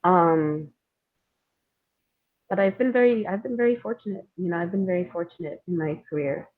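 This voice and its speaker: Through narrow, tinny audio comes a lowish female voice at normal speed. She is from India, a playwright and screenwriter appearing as a guest in a reflective interview, where she sounds thoughtful, hesitant, and self-deprecatingly funny.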